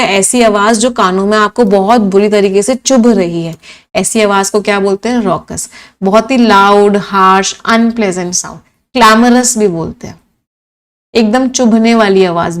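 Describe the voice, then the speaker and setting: A woman teaching English vocabulary for exams, asking questions and then answering them herself, repeating each meaning. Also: medium pitch. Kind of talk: exam-prep vocabulary lesson in Hindi-English mix.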